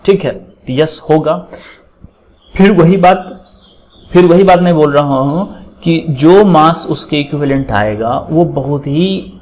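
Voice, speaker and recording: Man teaching chemistry, slightly higher voice. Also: darkish tone, rough recording. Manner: explains slowly, checks in often with "theek hai", dictates formulas word by word. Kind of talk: classroom lecture.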